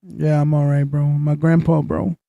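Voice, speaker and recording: A young man co-hosting a casual chat show, talking in an animated, excitable way and swearing freely. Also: on the high side, moderate pace, gravelly, muffled recording, a little hiss or hum. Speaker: co-host.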